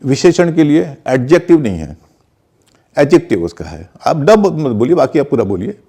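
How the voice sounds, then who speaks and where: A man leads a pronunciation lesson in a methodical, explanatory way. He spells words out letter by letter and repeats each example. His voice is gravelly, with a dark, mellow tone. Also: on the high side, big pitch swings, moderate pace. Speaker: pronunciation teacher.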